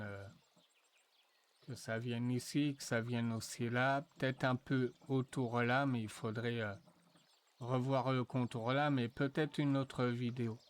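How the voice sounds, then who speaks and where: A man walking viewers through a software tutorial, thinking aloud with frequent fillers and restarts. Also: mid-range voice, fairly even intonation. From France. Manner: slow, hesitant, thinking aloud with many fillers. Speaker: tutorial presenter. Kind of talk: screen-recorded software tutorial.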